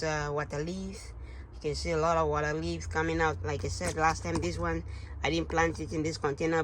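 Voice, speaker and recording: Flat-toned man with a halting delivery. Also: on the high side, a little hiss or hum, low-quality recording. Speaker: gardening channel host. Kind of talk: casual garden update vlog. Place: greenhouse.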